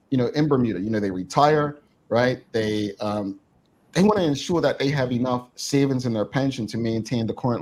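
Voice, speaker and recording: A man's voice: mid-range voice, darkish tone. A man co-hosting a casual talk show, chatty and joking with his guest.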